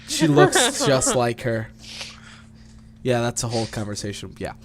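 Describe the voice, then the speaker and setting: A man's voice: mid-range voice, wildly swooping pitch, a little slow, a little hiss or hum. A man co-hosting a gaming podcast, chatting casually and rambling through stories with laughs. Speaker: podcast co-host. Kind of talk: casual chat.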